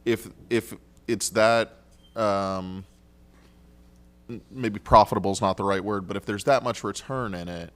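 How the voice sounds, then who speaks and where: Council member, male, lowish clean voice; polite, halting questions, desk mic in chamber. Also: fairly even intonation, a bit bright. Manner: polite, halting, thinks aloud with restarts.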